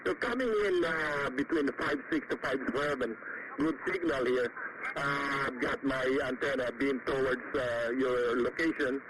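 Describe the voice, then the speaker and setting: Male ham operator, short procedural phrases, off-mic sound with clear radio static. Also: mid-range voice, measured pace. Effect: two-way radio. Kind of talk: clipped radio call exchange. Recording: distant, noisy radio audio.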